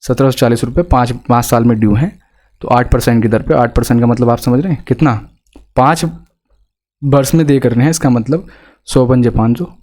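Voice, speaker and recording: A man's voice: mid-range voice, fairly even intonation, a little fast, darkish tone. A male math teacher with an Indian accent, explaining exam problems step by step and asking students rhetorical questions. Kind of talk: exam-prep math lesson.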